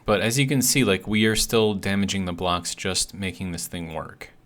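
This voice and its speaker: At normal speed, a man with a low, somewhat bright voice provides casual gameplay commentary for his gaming video series. He thinks aloud with some hesitation, and a healing bitten tongue makes his speech slightly awkward.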